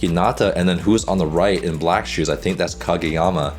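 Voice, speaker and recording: Deep-voiced upbeat male coach. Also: brisk, soft background music. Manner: upbeat, chatty, breaks down what he sees. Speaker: volleyball coach and reaction host. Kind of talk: casual reaction commentary.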